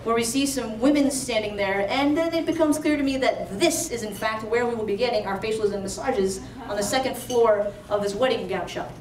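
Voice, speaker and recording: Telling a true story on stage in a large room, this young Alexandria, Virginia woman talks briskly, barely pausing, in a slightly high voice. She's casual and conversational, leaning on "like" and "you know." The mic catches her from a distance, with an audience audible behind her.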